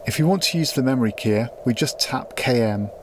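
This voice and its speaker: A British man reviews a small radio on a tabletop indoors, walking through each step methodically with plenty of filler sounds. His medium-pitched voice is animated and brisk, over a noisy background.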